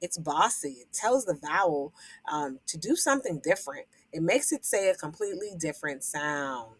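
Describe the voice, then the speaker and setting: A woman's voice: sits low, animated, normal speed, slightly rough, no echo. A woman teacher explaining vowel syllable types to other educators, sounding out example words and repeating them with fillers. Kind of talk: phonics lesson explanation.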